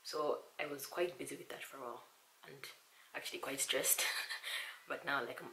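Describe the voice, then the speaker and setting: A young woman with a hoarse, bright voice chats casually to her viewers, sometimes dropping to a near whisper. She is recorded in an echoey room at home with faint hiss behind her. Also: extremely low pitch, fairly even intonation, normal speed. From Zambia. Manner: half-whispering, soft and hushed at times. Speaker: vlogger. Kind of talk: casual chat. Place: small quiet room at home.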